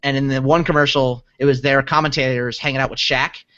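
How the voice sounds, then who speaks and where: A man's voice: mid-range voice, little pitch movement, a little fast, a bit bright, clean tone. A young man co-hosting a podcast, telling rambling stories and joking with friends between laughs. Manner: rambling, laughing, jokey storytelling. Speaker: podcast co-host. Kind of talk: casual podcast banter. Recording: dull lo-fi livestream audio.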